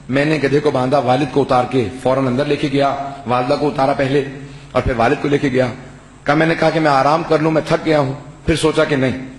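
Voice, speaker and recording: A male religious scholar delivering a sermon, telling the story with passion and rising to shouts. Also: medium pitch. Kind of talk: Shia majlis sermon. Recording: roomy hall sound, faint background hiss.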